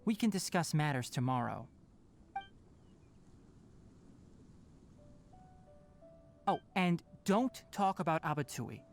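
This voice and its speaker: A man's voice: on the high side, animated, normal speed, faint music behind. A man voicing a young fox-eared forest watcher in a video game, scholarly and wry, speaking in a precise, lecturing, mildly exasperated way. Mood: brisk, businesslike.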